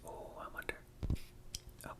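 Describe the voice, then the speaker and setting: A young man with a hoarse throat hosting an ASMR video, whispering into a close microphone and slowly repeating words as triggers. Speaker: ASMR channel host. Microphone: close microphone at a desk.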